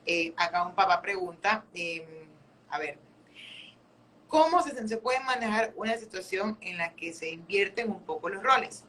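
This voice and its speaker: A woman's voice: medium pitch, expressive, measured pace, fairly bright tone, a little hiss or hum, poor audio. A woman hosting a live stream, reading audience questions aloud and answering with brief affirmations.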